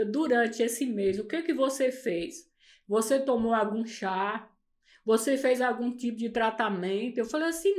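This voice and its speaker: Earnest middle-aged woman, higher voice. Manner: earnest storyteller, acts out quoted dialogue. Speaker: podcast guest. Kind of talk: personal faith testimony in conversation.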